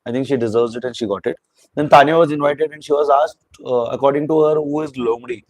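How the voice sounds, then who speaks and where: A man's voice: mid-range voice, fast talker, rough recording. Rambling male reviewer. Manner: rambling, opinionated, mixes in Hindi words. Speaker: show reviewer. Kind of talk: casual spoken review.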